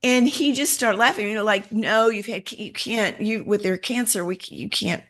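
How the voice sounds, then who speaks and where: Middle-aged woman telling a lively personal story. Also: mid-range voice, moderate pace. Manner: animated storyteller, acts out quoted dialogue. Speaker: interview guest. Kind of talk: storytelling in a conversational interview.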